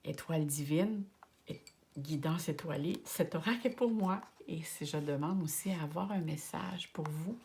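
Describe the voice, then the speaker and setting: A woman with a Québécois accent giving a tarot card reading, speaking gently and often half in a whisper, affectionate and encouraging with her viewers. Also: low-pitched, moderate pace, a little hiss or hum. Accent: Québécois French. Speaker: tarot and oracle card reader.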